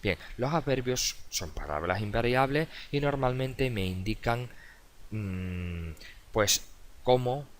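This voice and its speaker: A man's voice: mid-range voice, animated, takes it slowly. A man teaching a recorded adult-education lesson, explaining step by step, asking questions and answering them himself, with frequent fillers and self-corrections. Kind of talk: video tutorial lecture.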